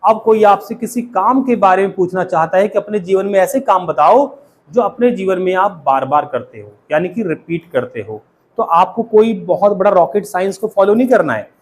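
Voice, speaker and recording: In a high voice with lively intonation and a moderate pace, a man with an Indian accent teaches spoken English. He frequently tests the students with questions and has them say things back to him.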